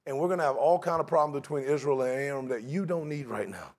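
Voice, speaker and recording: A man's voice: mid-range voice, fast talker, darkish tone. A middle-aged man preaching a sermon in a large church sanctuary, talking in a conversational way and slipping into mocking voices for his examples.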